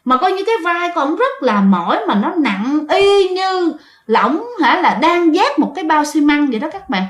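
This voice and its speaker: A woman narrates a ghost story in a loose, chatty way, turning to her listeners often. Her voice sits high. The recording has a roomy echo. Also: big pitch swings, normal speed.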